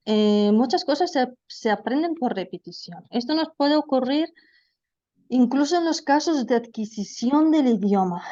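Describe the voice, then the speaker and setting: A woman with a high-sitting, darkish voice gives an online lecture to trainee teachers, addressing them as vosotros. She explains patiently with frequent fillers, and the recording has its highs cut off.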